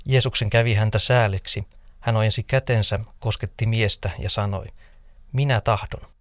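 A man in a scripted scripture reading, narrating in a measured, steady manner. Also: fairly low pitch, no echo, studio quality. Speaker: scripture reader.

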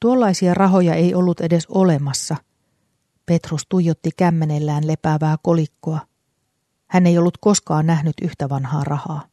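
A narrator reading a story aloud in a calm, even storytelling manner. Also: mid-range voice, no room sound. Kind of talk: audiobook narration.

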